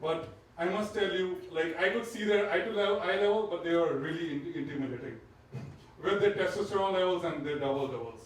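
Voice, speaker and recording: A young man with an Indian accent doing a stand-up set on a comedy club stage, with a halting, stumbling delivery full of restarts. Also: high voice, slight background noise. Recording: echoey club room from far off.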